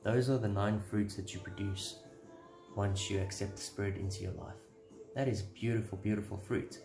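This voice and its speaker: A man's voice: lowish voice, steady tone, moderate pace, vocal fry, roomy sound, over music. A man giving a casual devotional talk, conversational and earnest, posing rhetorical questions to his listeners.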